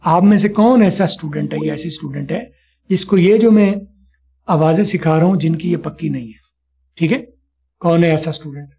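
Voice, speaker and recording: Guy teaching english letter sounds online, high voice but mellow, says everything slow and twice. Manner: slow, repeats sounds for students to copy. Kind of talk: online spoken English class.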